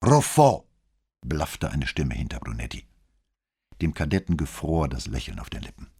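A man narrating an audiobook novel in an expressive storytelling manner. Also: very deep voice, moderate pace, breathy edge. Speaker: audiobook reader.

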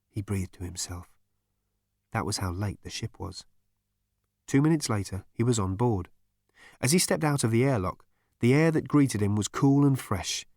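A man reading a science fiction story aloud as a narrator, in measured storytelling. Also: on the low side, no echo, clean studio sound. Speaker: audiobook narrator. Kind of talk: scripted narration.

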